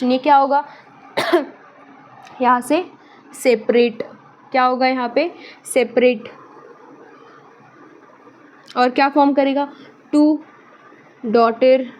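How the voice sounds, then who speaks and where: A woman's voice: high-pitched, a little hiss or hum, poor audio. A young woman teaching a biology lesson in a chatty way, asking questions and answering them herself, and joking about her own drawing. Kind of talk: casual online lesson.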